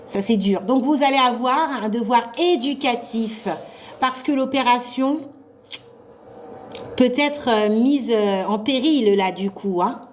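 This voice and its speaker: A woman giving a live revision class to nursing assistant students, loud and carrying, chatty and encouraging. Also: on the high side, slow, a little hiss or hum.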